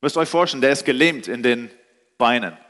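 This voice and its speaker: A man preaching a sermon, retelling a scripture story in an animated, storytelling way with shifting pace and pitch. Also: brisk. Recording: reverberant hall.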